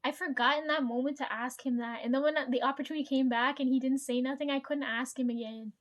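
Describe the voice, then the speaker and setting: In a high, bright register, a woman vlogger meanders through a story while chatting casually with her viewers. She's a fast talker with a fairly even tone, swearing freely, laughing frequently and regularly checking in with the people watching.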